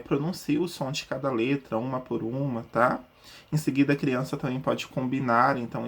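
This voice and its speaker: A man teaching a recorded lesson, explaining step by step with frequent checks like "tá?" and slowly sounding out example words. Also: on the high side, slightly rough. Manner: explanatory, many fillers like "tá?" and "né?".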